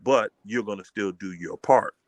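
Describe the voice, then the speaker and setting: A middle-aged man with a lowish voice, talking in an emphatic, preacherly way. He keeps checking "you know what I mean" as he explains. The sound is dry and close, with no room around it. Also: normal speed, dry recording. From Fort Wayne, Indiana, US. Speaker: community elder, homeschool leader. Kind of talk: casual call-in chat.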